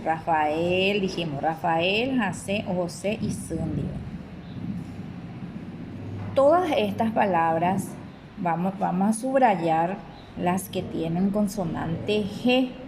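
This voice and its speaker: A woman teacher, speaking slowly and deliberately to children in a recorded lesson, spelling out syllables one by one. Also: fairly low pitch, background noise. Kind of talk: slow recorded remote lesson.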